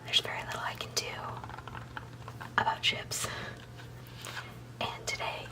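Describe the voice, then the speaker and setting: A woman hosting an ASMR recipe video, speaking in a soft, unvoiced whisper as she explains each step in a chatty way. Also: unhurried, far from the mic. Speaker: video host.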